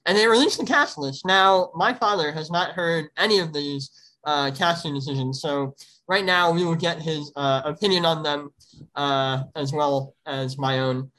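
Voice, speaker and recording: A man's voice: fairly high pitch, normal speed, sharp tone, poor audio. A young man hosting a casual podcast, upbeat and chatty with lots of fillers and laughter. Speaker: podcast host.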